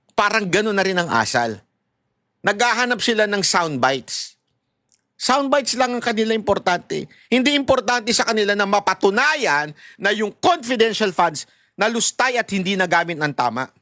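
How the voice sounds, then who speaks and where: A middle-aged man from Manila with a loud voice, giving casual, animated political commentary as a vlogger. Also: high-pitched, normal speed, no room sound, clean studio sound. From Manila, Philippines. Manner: animated and chatty, laughs at his own asides.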